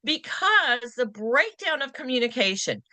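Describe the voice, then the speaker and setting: A woman with a high, animated voice leads a real estate training session. Her tone is bright and crisp, and she dips and slows to stress key points. The recording is dry and close with little room sound. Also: no echo. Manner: lively, acts out quoted lines in varied voices. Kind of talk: continuing education class talk.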